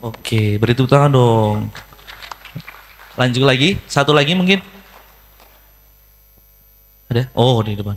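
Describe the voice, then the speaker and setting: Dude moderating a q&a, brisk and chill, keeps the crowd going. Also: male voice, medium pitch, a little hiss or hum. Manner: brisk, informal, prompting the audience. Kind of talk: casual moderating.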